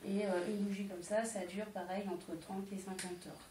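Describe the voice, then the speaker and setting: A woman's voice: medium pitch, flat delivery, normal speed, mellow. A woman selling candles to guests at a home party, explaining each product step by step with frequent hesitations. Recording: echoey room, distant mic, faint noise.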